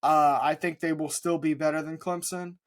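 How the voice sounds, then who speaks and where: A young man with a voice pitched a bit higher than most men's talks through his sports picks. He sounds sure of himself and fills his pauses with plenty of uh's and um's. His delivery is casual, like a chat between co-hosts. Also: steady tone. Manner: confident, leans on fillers. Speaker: podcast co-host.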